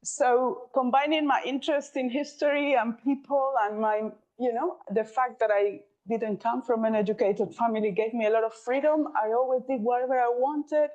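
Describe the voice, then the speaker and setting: A woman's voice: a little high, steady tone, moderate pace, hardly any pauses, darkish tone, lo-fi sound. A woman in her fifties from the Canary Islands with a Spanish accent, giving a keynote talk, telling her own story with frequent restarts and fillers. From Spain, Canary Islands. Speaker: keynote speaker.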